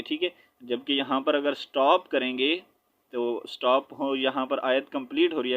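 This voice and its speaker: A man with a Pakistani accent teaching Quran reading, spelling out letters and vowel marks slowly and asking checking questions as he goes. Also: mid-range voice, lo-fi sound.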